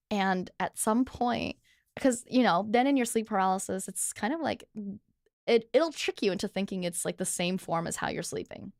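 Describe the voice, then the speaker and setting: A woman's voice: mid-range voice, no echo, clean studio sound. A woman hosting a podcast, telling stories in a casual chat with lots of fillers and laughter. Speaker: podcast host.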